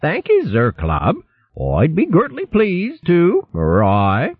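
A man doing a high, chirpy young hare girl. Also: huge pitch swings, takes it slowly, husky, no room sound, full character voice. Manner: high, bright mimicry of rustic mole dialect. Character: lively young female hare, nimble and polite. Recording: thin phone-like dry sound.

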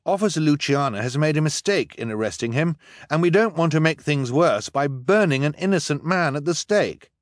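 A man's voice: on the high side, expressive, moderate pace, dry recording, clean studio sound, pitched above the performer's own voice, lightly acted. A man voicing an earnest teenage boy insisting on the truth. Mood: insistent.

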